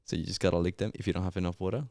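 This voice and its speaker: The voice is low, gravelly and dark, delivered rapid-fire with fairly even intonation. It belongs to a young adult from Colombia, a native Spanish speaker and geologist appearing as a podcast guest, who tells his story casually with slangy, easygoing Australian-style wording. It's a dry, studio-quality recording.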